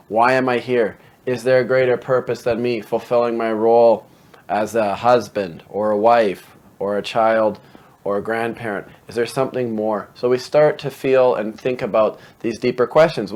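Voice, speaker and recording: A man hosting a meditation show, explaining calmly and conversationally and posing rhetorical questions. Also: medium pitch.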